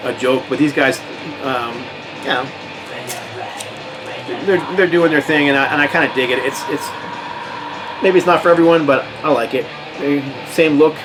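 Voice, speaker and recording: On a rough recording, a man from the United States with a mid-range voice does a casual show-and-tell of his metal records as a collector vlogger. He rambles through it, full of fillers and restarts.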